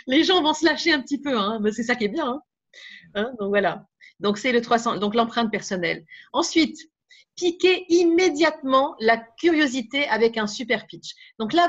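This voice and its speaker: A woman speaker trainer giving a live workshop talk, lively and chatty, with many tag words and asides to the room. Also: a little high. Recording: dull, lo-fi live recording.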